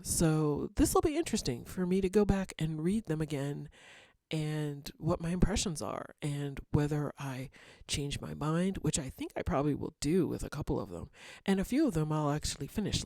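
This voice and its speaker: A woman vlogger chatting casually to camera, rambling a little, with fillers and soft laughs. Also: sits low, no room sound. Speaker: writer and vlogger.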